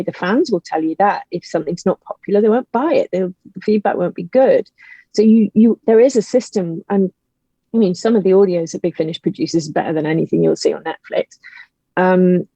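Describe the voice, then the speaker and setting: A woman with a lowish, warm, slightly rough voice is interviewed on a podcast, where she conversationally and emphatically shares her opinions. She writes for and acts in audio dramas. The recording is roomy, dull, lo-fi call audio.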